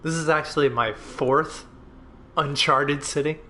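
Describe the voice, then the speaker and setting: A man's voice: fairly high pitch, steady tone, measured pace, bright, forceful tone, a little hiss or hum. A young man streaming a video game, chatting casually and laughing often at his own jokes. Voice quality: giggly, joking, laughs often. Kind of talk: casual gameplay chat.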